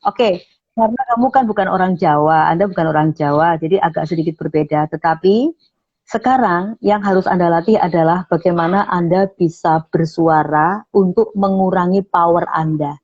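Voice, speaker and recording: A woman's voice: lowish voice, moderate pace, a little mellow, slightly rough. A woman, a radio station manager, explaining public speaking in an online interview and acting out sample phrases. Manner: explains with frequent "nah", acts out sample phrases. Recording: muffled online call audio.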